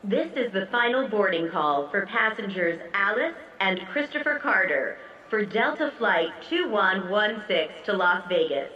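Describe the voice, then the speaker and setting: A woman making a formal, measured boarding announcement over an airport PA system. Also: mid-range voice, expressive, pushed and bright, echoey room, big-room sound, recorded from a distance, dull audio.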